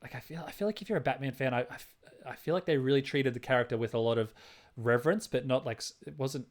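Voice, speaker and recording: Halting, restart-prone male podcast co-host. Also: medium pitch. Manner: hesitant, many restarts, hums tunes aloud. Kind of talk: casual chat about a film.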